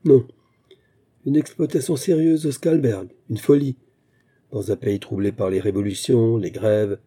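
Cool young businessman, curt, detached, read by a man, dark husky voice. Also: mid-range voice, measured pace.

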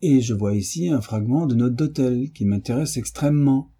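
A man voicing a calm, ironic detective in an audiobook reading, with a dry, teasing manner. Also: mid-range voice, moderate pace, breathy edge, voice pushed up.

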